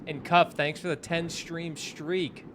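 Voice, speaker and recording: Speaking slowly in a voice on the high side, a twenty-something man from New England in the US keeps up casual banter with his stream chat as he plays a game. He's animated and talkative, answering chat messages, and there's background noise in the clip.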